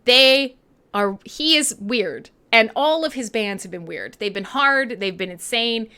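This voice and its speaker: This Canadian woman, an online radio host and DJ, fills the gaps between songs with casual, irreverent live chat that is sweary, jokey, and rambling. Her voice is a little high, expressive, and smooth, with a sharp tone and a measured pace.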